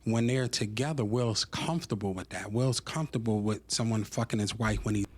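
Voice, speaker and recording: A man speaking as an interview guest, calmly retelling events with fillers like "um". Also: fairly low pitch. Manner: measured, gossipy retelling with fillers. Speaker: interview guest telling a story. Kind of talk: conversational storytelling.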